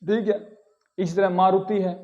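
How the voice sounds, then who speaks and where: A man's voice: high-pitched, flat delivery, measured pace, dull audio. A man teaching a grammar lesson, patiently repeating key words and asking the class rhetorical questions. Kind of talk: explanatory lesson.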